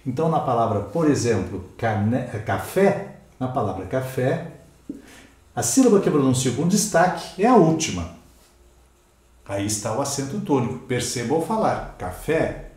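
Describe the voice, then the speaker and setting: A man's voice: mid-range voice, sing-song, normal speed, darkish tone, echoey room. A Brazilian man teaching Portuguese grammar in a recorded exam-prep lecture, stressing his example words and checking in with "ok?" and "certo?".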